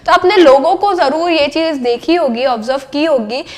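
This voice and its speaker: A young woman with a high, bright voice gives a lecture on accountancy. She keeps asking the class questions and then answers them herself, and she slips English terms into her sentences. Her delivery is patient and explanatory. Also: moderate pace. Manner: mixes English terms into Hindi speech. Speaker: accountancy teacher.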